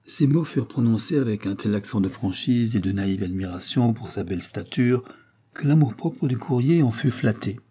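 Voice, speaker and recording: Mellow, husky male audiobook narrator. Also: lowish voice, expressive, normal speed. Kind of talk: scripted narration.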